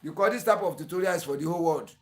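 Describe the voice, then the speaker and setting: A man's voice: on the high side, very fast. Earnest Nigerian man teaching a tutorial. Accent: Nigerian English. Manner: repetitive, earnest, pleading. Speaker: clipper-blade sharpening tutor and channel host. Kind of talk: tutorial narration.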